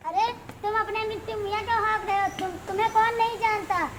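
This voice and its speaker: A woman's voice: very high-pitched, steady tone, brisk, a little hiss or hum. A woman playing a taunting, echoey alphabet letter. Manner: taunting, boastful. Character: proud male Hindi letter, mocking rival. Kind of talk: school stage play.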